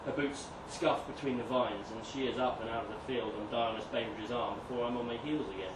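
This is a man's live, theatrical reading of a comic piece of history, full of dramatic swells and quiet hushes. His pitch is medium and his pace a little fast. Recorded at a venue event, it has a roomy echo, a far-off mic, and plenty of background noise.

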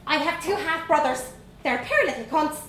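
A woman's voice: high voice, expressive, a little fast, fairly bright tone, voice pushed up. A woman voicing a brash, bossy little girl in her communion dress, with a crude, cheeky way of talking. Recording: echoey room, faint noise.

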